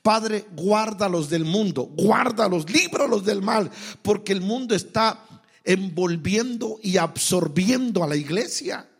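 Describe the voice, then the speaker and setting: A Mexican man preaching a sermon with a Mexican accent, swinging between loud exhortation and quiet asides, then leading the congregation in prayer. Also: high-pitched, unhurried, slightly rough. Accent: Mexican Spanish. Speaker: pastor.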